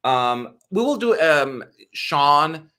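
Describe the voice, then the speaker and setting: A man's voice: a little high, very slow. A man co-hosting a live stream in casual chat, talking with many fillers. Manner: chatty, lively intonation, many fillers.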